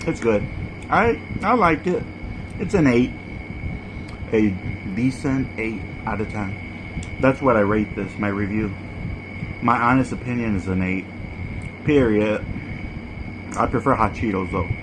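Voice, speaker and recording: A man's voice: on the low side, a little slow, long pauses. A man hosting a mukbang, giving a casual, informal food review while eating and repeating short verdicts. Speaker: mukbang host. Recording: clearly noisy background ambience.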